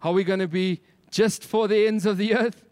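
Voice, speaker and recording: A male preacher with a South African Afrikaans accent and a notably high voice delivers a sermon. He speaks emphatically, leaning on repetition and rhetorical questions, and the sound is dry and close. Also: fairly even intonation, moderate pace, darkish tone, clear, resonant tone, no echo.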